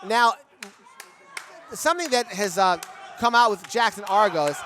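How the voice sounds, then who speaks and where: Middle aged guy doing play-by-play for pro wrestling, really high voice, sportscaster style. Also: unhurried, crowd noise, background noise. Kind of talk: pro wrestling match commentary.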